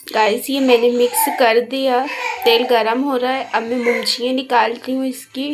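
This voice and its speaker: A woman's voice: on the high side, normal speed, noisy background. A woman vlogging at home as a mother, chatting straight to her viewers in a casual, storytelling way. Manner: tells stories with lively back-and-forth. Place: at home, in the kitchen.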